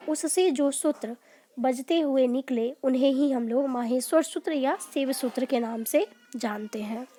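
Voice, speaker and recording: A woman teaching a lesson on quiz questions, explaining each answer step by step and often checking in with her students. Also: high voice. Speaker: Sanskrit teacher.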